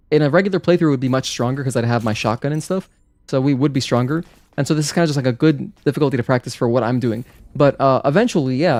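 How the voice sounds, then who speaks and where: A gaming livestreamer whose first language is Spanish chats casually and warmly with viewers while playing, using lots of fillers. His voice is medium-pitched with a darkish tone, and the recording is dry.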